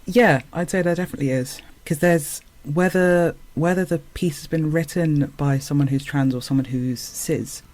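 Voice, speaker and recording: A man's voice: fairly high pitch, moderate pace, hardly any pauses, darkish tone. A man, an actor and singer, talking as a podcast guest in a thoughtful, hesitant way with many fillers. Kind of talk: casual conversation.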